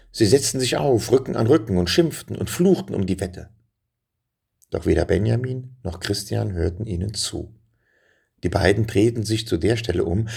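A man narrating a children's story in a calm, measured way, addressing young listeners. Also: on the low side, gravelly, breathy edge.

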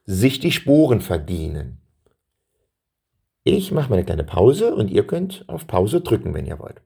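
A man narrates a children's story and speaks straight to his young listeners. His low voice is gravelly and husky. His pitch swings widely as he reads. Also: measured pace. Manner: lively, addresses listeners directly.

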